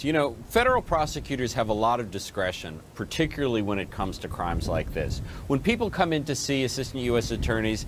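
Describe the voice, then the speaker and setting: Blunt male legal analyst, mid-pitched. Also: slight background noise. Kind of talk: live news commentary.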